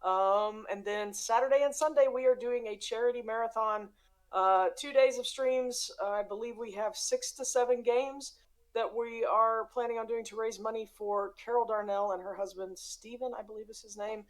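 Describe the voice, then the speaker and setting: A woman's voice: fairly high pitch, steady tone, normal speed, poor audio. A woman player casually giving channel announcements on a tabletop gaming show.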